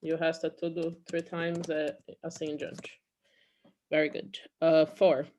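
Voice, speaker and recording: A woman's voice: low voice, flat delivery, unhurried, darkish tone, slight background noise. A woman from Brazil teaching an English class in Portuguese, explaining patiently and often checking in with "okay?".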